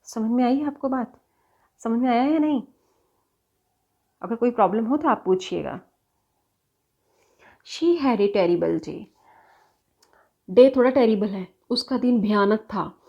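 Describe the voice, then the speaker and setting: A woman's voice: a little high, dull audio. Patient woman teacher. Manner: mixes Hindi and English, checks understanding often; reads English definitions slowly, word by word. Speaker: English teacher. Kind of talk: classroom lesson explaining grammar terms.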